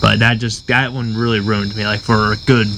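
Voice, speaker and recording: A young man hosting a casual podcast, speaking haltingly with frequent restarts. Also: on the low side, flat delivery, noisy background. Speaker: podcast host. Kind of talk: casual chat.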